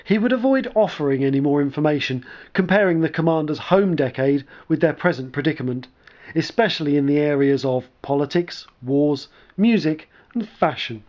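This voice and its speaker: A man narrating a scripted story in a measured, dry storytelling manner. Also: on the high side, lively intonation, highs cut off.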